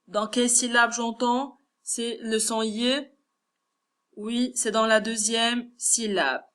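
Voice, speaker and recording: A woman's voice: on the high side, steady tone, takes it slowly, a bit bright. A woman with a Moroccan French accent, teaching a first-grade class, patiently sounding out words syllable by syllable. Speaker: primary school teacher. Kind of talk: classroom lesson correction.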